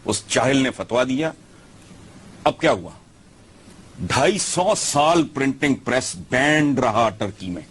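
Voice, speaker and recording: A man's voice: medium pitch, lively intonation, takes it slowly, long pauses, fairly bright tone, a little hiss or hum. A man giving scornful opinion commentary, lecturing with rhetorical questions.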